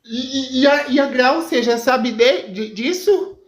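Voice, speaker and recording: Flustered, excitable storybook woman, shrill exclamations, stammering, voiced by a woman narrator. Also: a little slow, reverberant, lightly acted. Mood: alarmed. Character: excitable shocked grandmother type woman.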